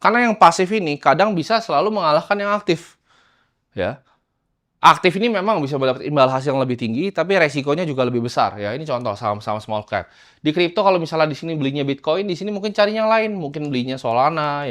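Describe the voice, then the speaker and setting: Man, fairly high voice, casual investing teacher, chops lines into short bursts. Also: lively intonation, fast talker, fairly bright tone. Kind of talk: casual lecture over slides.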